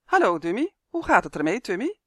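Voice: medium pitch, very animated, a little fast, fairly bright tone, dry recording, clean studio sound, voice pushed up. A storyteller voicing Justin, a curious young boy in a children's story, who speaks earnestly.

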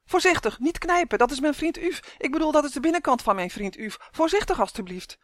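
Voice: medium pitch, expressive, fast talker, dry recording, clean studio sound, close to an everyday voice. A reader doing an earnest, worried young boy. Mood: pleading. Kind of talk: storybook reading.

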